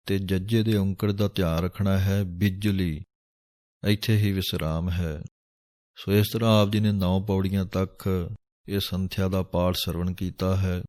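Male scripture teacher, very low and flat, drawn-out chanted recitation, dry recording. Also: no echo. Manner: drawn-out chanted recitation, then measured explanation. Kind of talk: scripture pronunciation lesson.

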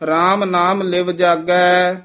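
A man chants scripture in a high, even voice, drawing every syllable out very slowly. He recites line by line as a teacher showing students how it should sound. His delivery stays steady and measured throughout. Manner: measured, drawn-out chanting, then quick quiet corrections. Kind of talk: slow chanted recitation with spoken pronunciation instructions.

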